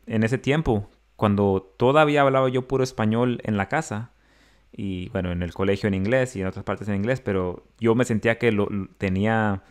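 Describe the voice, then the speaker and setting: Male podcast co-host, lowish voice, chatty storyteller who acts out the people he quotes. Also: smooth. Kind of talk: casual chat.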